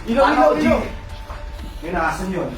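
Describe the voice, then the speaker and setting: A man's voice: sits high, sing-song, moderate pace. A man in a casual vlog, swearing and agitated as he gets upset with his friends. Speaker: prank target, friend. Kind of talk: casual chat. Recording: echoey, from far off, loud music.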